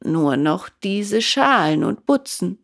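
A woman voicing a wise, poor old woodcarver father who speaks low and admonishing. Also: very animated, slow, vocal fry, exaggerated voice. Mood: gentle.

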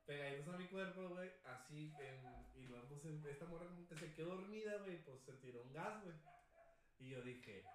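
A man's voice: a little high, animated, fairly quick, distant mic. A man with a Mexican accent telling a crude, rambling story on a casual podcast. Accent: Mexican Spanish. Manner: crude, rambling, peppers speech with "güey". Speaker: podcast co-host. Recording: very echoey room, off-mic, faint noise.

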